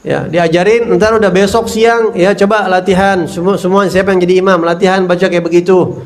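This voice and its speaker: A man's voice: sits high, fairly even intonation, brisk. A male religious teacher giving a talk, telling personal stories from his student days in a casual, heartfelt way. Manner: casual, heartfelt, acts out scenes and recites verses.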